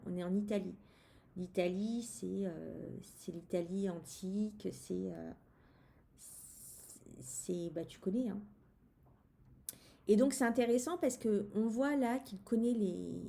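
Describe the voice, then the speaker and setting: A woman talks through a tarot deck in a loose, chatty way, speaking straight to the viewer. Her voice has a gravelly edge and a dark, mellow tone. She hesitates often, filling gaps and restarting her sentences. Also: mid-range voice. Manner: hesitant, many fillers and restarts. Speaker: tarot reader presenting a deck. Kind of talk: casual spoken deck review.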